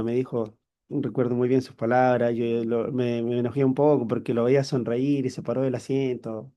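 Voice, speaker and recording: A man with a Chilean accent preaching a sermon as a personal story, animated and exclaiming often. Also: medium pitch, lo-fi sound. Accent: Chilean Spanish. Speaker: church leader preaching.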